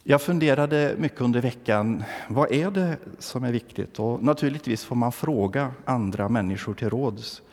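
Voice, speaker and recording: A man's voice: medium pitch, few pauses, a little mellow, long reverb tail. A man from southern Värmland preaching a humorous sermon, telling stories with a wry touch and asking the congregation questions. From southern Värmland, Sweden. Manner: wry storytelling, asks the congregation. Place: church.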